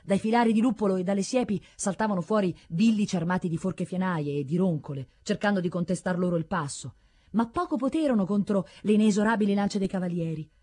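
A woman narrating an audiobook story in a measured, dramatic way. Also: mid-range voice, a little mellow.

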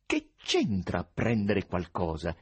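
A man's voice: sits low, huge pitch swings, slow, breathy edge, no echo, full character voice. A man voicing a suspicious, rude male building manager who questions sharply.

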